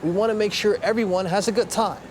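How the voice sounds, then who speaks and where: Upbeat male news anchor, slightly high voice. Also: quick pace, a little hiss or hum. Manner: upbeat, conversational asides. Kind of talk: evening newscast reading. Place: TV news studio.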